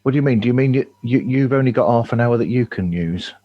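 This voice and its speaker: A man's voice: medium pitch, quick pace, highs cut off. A man hosting a podcast over a video call, chatting casually on a headset with frequent stammering restarts. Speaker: podcast host.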